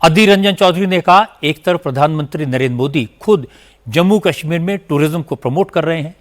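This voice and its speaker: A male news anchor delivers scripted narration in a steady, formal manner. His voice sits a little higher than most men's, and he reads from a studio mic. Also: fairly quick.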